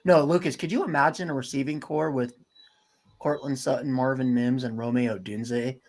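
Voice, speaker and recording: A man in his twenties, excitable and quick to argue, chatting casually about college football and swearing freely. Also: mid-range voice, rough recording. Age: 20s. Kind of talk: casual sports chat.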